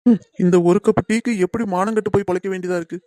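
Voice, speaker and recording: A woman's voice: medium pitch, fairly even intonation, fast talker, dark tone, no echo, clean studio sound, lightly acted. A woman voicing a timid, henpecked husband in a cartoon comedy. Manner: timid, pleading. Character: meek henpecked husband, middle-aged man.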